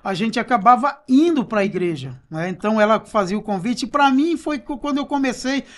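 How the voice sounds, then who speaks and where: High-voiced rambling male podcast host. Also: animated, a little fast. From Cubatão, Brazil. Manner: rambling, many fillers and restarts. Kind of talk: casual church podcast chat.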